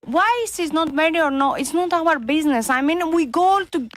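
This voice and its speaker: A woman's voice: sits high, normal speed, dry recording. A woman guest in a panel debate, protesting repetitively with non-native phrasing.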